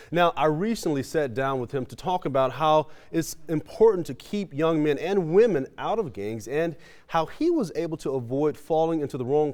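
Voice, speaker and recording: A man's voice: medium pitch, a little mellow. A man hosting a public affairs program, introducing segments with a polished, scripted delivery. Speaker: program host. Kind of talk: scripted presenting.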